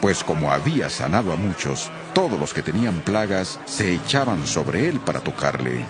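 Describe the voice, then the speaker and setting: A man narrating a Bible reading in a solemn, expressive scripted style. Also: low voice, moderate pace, noisy background.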